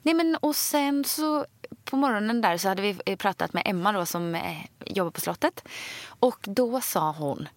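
A Swedish woman co-hosting a podcast, telling a story in a lively, chatty way and acting out what each person said. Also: mid-range voice, dry recording. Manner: animated storyteller, acts out both sides of dialogue. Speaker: podcast co-host. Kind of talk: casual chat.

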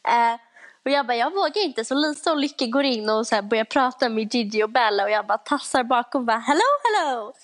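A young woman co-hosting a podcast in casual chat, talking loudly and acting out voices in quotes. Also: fairly high pitch. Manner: chatty, acts out voices in quotes; talks loudly by habit. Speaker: podcast co-host.

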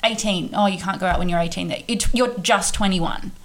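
A woman's voice: mid-range voice, a little fast. A young woman from Australia co-hosting a podcast, talking candidly in casual chat and laughing often. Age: young adult. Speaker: podcast co-host.

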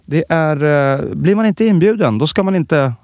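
Male podcast co-host, animated storyteller, lively pitch, dry close sound. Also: dry recording. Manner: animated storytelling, many restarts. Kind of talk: casual chat.

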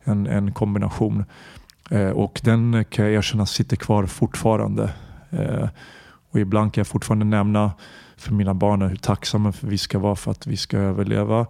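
Low gravelly man, earnest reflection. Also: little pitch movement, warm tone, dry recording, studio quality. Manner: earnest, reflective, searching for words. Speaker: podcast host. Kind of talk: personal monologue podcast.

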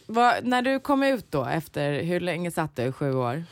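Interviewer firing off quick casual questions, lots of "mm", dry sound. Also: mid-range voice, sing-song, no room sound. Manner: short prompts and backchannel responses.

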